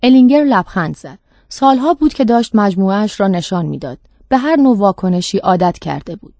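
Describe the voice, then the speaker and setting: A woman's voice: mid-range voice, animated, mellow, no room sound. Woman narrating a story, dry sound. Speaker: audiobook narrator. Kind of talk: scripted narration.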